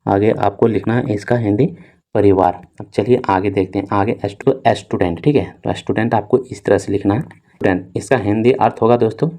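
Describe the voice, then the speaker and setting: A man's voice: fairly low pitch, dark tone. A young man teaching English reading, spelling words out letter by letter and repeating "theek hai" and "dosto" over and over. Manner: slow, drawn-out spelling of letters.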